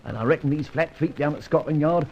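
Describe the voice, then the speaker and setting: An actor plays a male detective posing as a boastful small-time crook, theatrical and wry in the manner of old-time radio detective shows, with a cocky mood. His natural voice is a little high and darkish, moving at a quick pace, on a muffled, hissy old radio recording.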